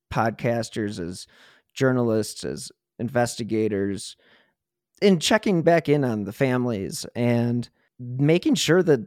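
A true crime podcast host with a medium-pitched, darkish voice talks in a casual conversational interview, earnest, colloquial and quick to share opinions. The recording is dry, with very little room around him and no echo.

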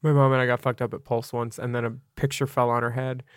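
A man co-hosting a podcast in casual chat, crude and joking with quick asides. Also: medium pitch, flat delivery, clear, resonant tone, no echo, clean studio sound. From Italian-American. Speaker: podcast co-host.

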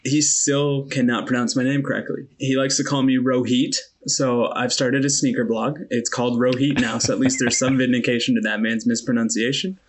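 A man's voice: medium pitch, flat delivery, a little fast, few pauses, a little hiss or hum. A man co-hosting a podcast in casual chat, playful and self-deprecating. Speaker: podcast co-host.

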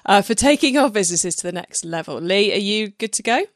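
Female podcast host, mid pitch, friendly easy manner, close dry sound. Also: expressive, fairly quick, dry recording. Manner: friendly, laughs easily. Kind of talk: casual podcast interview.

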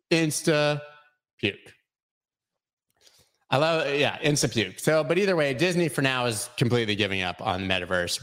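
A man's voice: fairly low pitch, pushed and bright. Forties male host, casual rambling live-stream banter with jokes. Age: 40s. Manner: rambling, jokey, reads chat comments aloud. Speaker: crypto show host.

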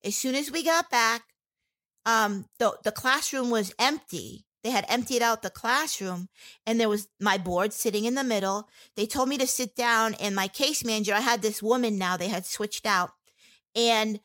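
A woman with a somewhat raised voice gives personal testimony in an interview. She speaks candidly and haltingly, often stopping to restart a sentence. Fillers fall all through her speech. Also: fairly high pitch, a bit bright.

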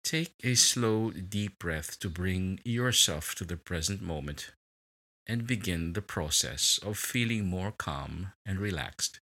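A man leading a guided relaxation meditation in a slow, soothing way, with long pauses between words. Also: low voice, expressive, sharp tone.

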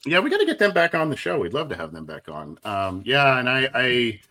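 A man's voice: mid-range voice, wildly swooping pitch, brisk, bright, forceful tone. A man co-hosting a sports podcast, chatting in an easygoing way with many fillers and restarts. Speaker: podcast co-host. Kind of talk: casual sports podcast chat.

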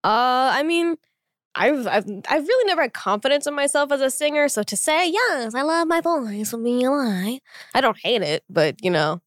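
Hesitant woman with slight vocal fry. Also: sits high, expressive, normal speed, no room sound, clean studio sound. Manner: hesitant, lots of "like" fillers. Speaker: singer guest. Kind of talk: casual podcast chat.

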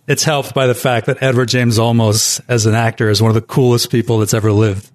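A man's voice: medium pitch, flat delivery, a little fast. A man in casual podcast chat, making short remarks with dry wit.

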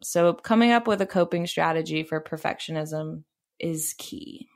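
A woman's voice: low voice, moderate pace, vocal fry, darkish tone. A young woman hosting a podcast, talking candidly and casually, swearing freely and laughing now and then as she gives advice from a bubble bath. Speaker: podcast host.

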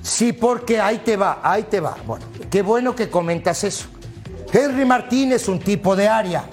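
A man analysing a football lineup on a sports panel, explaining step by step and checking in with quick tag questions. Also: high-pitched, expressive, soft background music.

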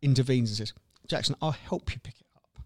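A man co-hosting a casual chat podcast, relaxed and laughing easily as he quotes his family. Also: mid-range voice, fairly quick, no echo, clean studio sound. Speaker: podcast co-host.

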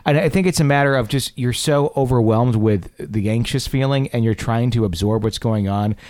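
A man's voice: mid-range voice, moderate pace, darkish tone, dry recording. A man hosting a talk show, speaking in a casual, conversational way into a close studio microphone.

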